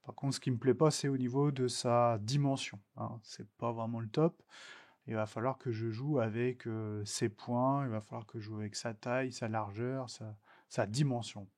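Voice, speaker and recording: Hesitant French man teaching software. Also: mid-range voice, fairly even intonation, normal speed. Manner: hesitant, many filler sounds. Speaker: technical instructor. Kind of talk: screen-recorded software tutorial.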